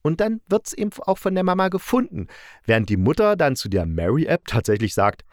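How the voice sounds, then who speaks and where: A very animated man with a fairly high pitch talks fairly quickly as he hosts a review of audio dramas. His opinionated, colloquial take includes retelling the stories, recorded cleanly in a studio with no room sound.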